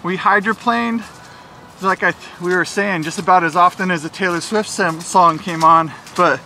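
A man's voice: high voice, moderate pace, pushed and bright. Chatty man vlogging outdoors, noisy background. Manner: chatty, jokey, narrating while walking. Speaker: filmmaker documenting a race. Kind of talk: casual vlog narration. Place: outdoors at a rainy race course. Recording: noisy outdoor ambience with traffic.

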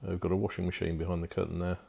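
A man's voice: sits low, level tone, rapid-fire, gravelly, mellow, slightly rough. A man giving a casual walkthrough tour of a barge interior as a boat broker, talking off the cuff with frequent fillers, recorded on a handheld phone inside wooden cabins.

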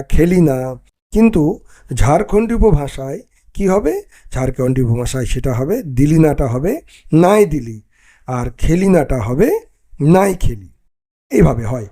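A male teacher giving a recorded exam-prep lesson, explaining step by step and often pausing with "ah" between points. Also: on the high side, dark tone.

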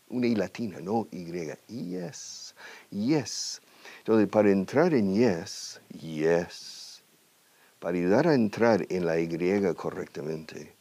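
A man teaching English on television, speaking Spanish with an English-speaking accent and drilling words slowly with emphatic, repeated examples. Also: deep voice, a little mellow, no echo. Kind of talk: televised language lesson. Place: TV studio.

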